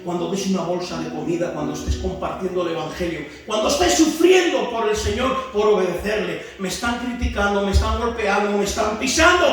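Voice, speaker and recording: A Spanish pastor with a high male voice preaches to his discipleship class, firing off rhetorical questions and working up to shouts. The recording picks him up from far away in an echoey church hall, with music behind him.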